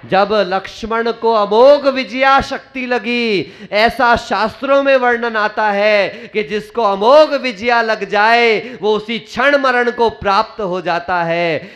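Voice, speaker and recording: A man, a Jain monk, telling a scripture story in a sermon, dramatic, swinging from loud to hushed and asking the audience questions. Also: sits high, slow, few pauses.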